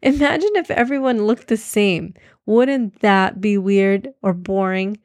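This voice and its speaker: A woman's voice: medium pitch, unhurried, darkish tone, dry recording, clean studio sound, close to an everyday voice. A woman voicing a patient young boy who explains things earnestly in a children's storybook. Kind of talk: storybook reading.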